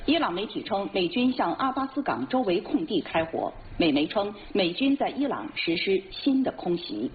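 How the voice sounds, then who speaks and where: A woman's voice: mid-range voice, sing-song, moderate pace, hardly any pauses. A woman reading scripted news as an anchor in standard mainland Mandarin, formal and precise. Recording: tinny narrowband broadcast with faint noise.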